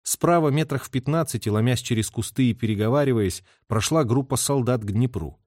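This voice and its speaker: A man's voice: medium pitch, brisk, darkish tone, no echo. A man reading a novel aloud as a narrator, telling the story expressively into a close mic. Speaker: audiobook reader. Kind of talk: literary narration.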